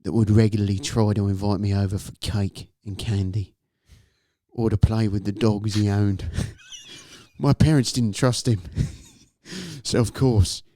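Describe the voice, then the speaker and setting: A man's voice: on the low side, fairly even intonation, measured pace, dark tone, dry recording, clean studio sound. A man co-hosting a podcast, reading a story aloud in casual chat, laughing through it and swearing casually. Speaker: podcast co-host. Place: podcast studio.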